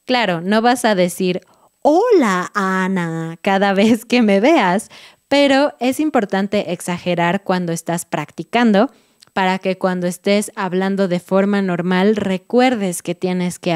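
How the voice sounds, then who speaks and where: A woman's voice: mid-range voice, darkish tone, no room sound, studio quality. A young woman with a Mexican Spanish accent teaching a pronunciation lesson, drawing out each vowel with exaggerated mouth shapes.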